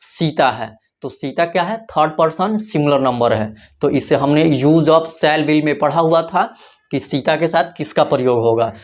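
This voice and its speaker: A man's voice: a little high, a little slow. A man teaching an English grammar lesson in Hindi, who keeps asking questions and answering them himself. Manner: asks questions and answers them himself, repeats key points.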